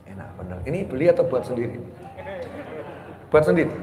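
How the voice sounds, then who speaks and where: A man's voice: medium pitch, very animated, fairly quick, a crowd in the background. A man preaching a sermon in a mosque, telling stories with humor and teasing his audience. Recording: echoey hall reverb.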